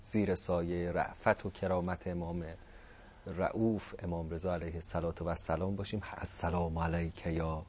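A man's voice: low-pitched, fairly even intonation, darkish tone, a little hiss or hum. A man hosting a religious program, thanking his guest in a courteous, formal way. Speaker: program host.

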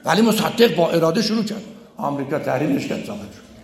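A man's voice: on the high side, creaky, roomy sound. A man giving a political sermon, stressing his points by repeating phrases and acting out the people he quotes. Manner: acts out quoted speakers in animated bursts.

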